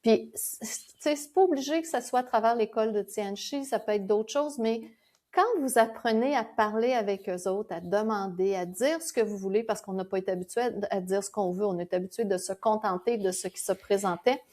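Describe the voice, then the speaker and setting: A woman with a Québécois French accent, a podcast guest telling lively stories and explaining her ideas, laughing now and then. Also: medium pitch, brisk. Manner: animated storyteller, laughs while explaining. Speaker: guest, founder of a spiritual school. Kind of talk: conversational podcast interview.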